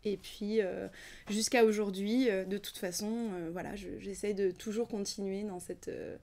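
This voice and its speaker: This is a young adult woman's mid-range voice, steady and somewhat dark, at a normal speed. A French-raised singer and singing instructor with Ukrainian roots, she chats thoughtfully in an informal interview, full of hesitations and fillers and now and then lowering to almost a whisper.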